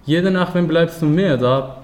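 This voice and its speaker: A nineteen-year-old man from Afghanistan, not a native German speaker, telling his own story at a talk in halting German with many fillers and restarts. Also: fairly high pitch. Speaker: guest speaker. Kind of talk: personal account at a talk.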